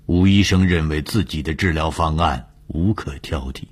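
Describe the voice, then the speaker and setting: Deep husky male storyteller. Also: moderate pace. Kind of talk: spoken storytelling broadcast.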